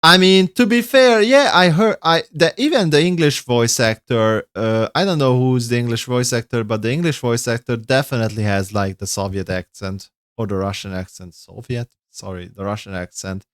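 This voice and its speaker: Male streamer, off-the-cuff reaction chat, rambling and self-correcting, smooth clear voice, dry close mic. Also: mid-range voice, moderate pace, hardly any pauses, a bit bright, no echo. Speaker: streamer reacting to game lore. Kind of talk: casual livestream reaction chat.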